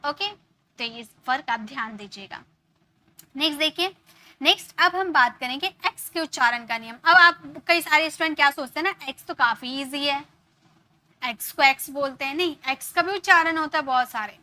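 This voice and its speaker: Bright, high-voiced woman teaching English. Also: normal speed. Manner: explains step by step, repeats example words, checks in with "ok". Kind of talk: online grammar lesson.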